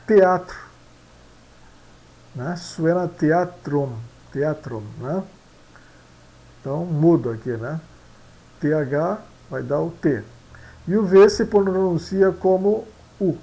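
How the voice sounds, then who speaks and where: A man explaining Latin pronunciation slowly and repetitively, mixing in Spanish phrases and often asking "né?". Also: fairly high pitch, vocal fry, mellow, rough recording. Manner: slow, repetitive, tag questions after each point; mixes Spanish phrases into Portuguese. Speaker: language teacher.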